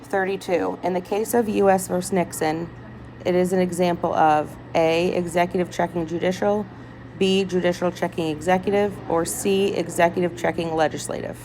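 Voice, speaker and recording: A woman reading multiple-choice test questions aloud item by item in a hospital room, deliberately and with small stumbles. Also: on the low side, steady tone. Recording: noisy hospital room with background chatter. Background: people talking, ambient noise.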